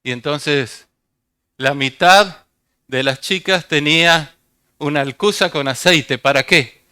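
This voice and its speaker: A man's voice: fairly high pitch, slow, bright, forceful tone, clear, resonant tone, no echo. Older male pastor, sermon, rhetorical questions, dry close sound. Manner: asks the congregation questions and repeats key phrases.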